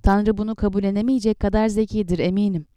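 A woman reading the lines of an earnest young male warrior captain, pleading and reasoning calmly. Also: mid-range voice, fast talker, clean tone, no room sound, lightly acted.

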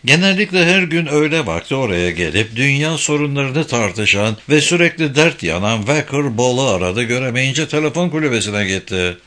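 A man narrating a novel aloud in a measured, steady reading. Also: mid-range voice. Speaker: audiobook narrator.

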